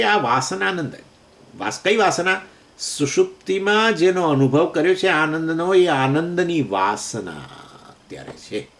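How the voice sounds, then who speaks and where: A man teaching a scripture lecture, explaining verses with everyday examples and asking and answering his own questions. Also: a little high. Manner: chants Sanskrit verses slowly. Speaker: Vedanta teacher.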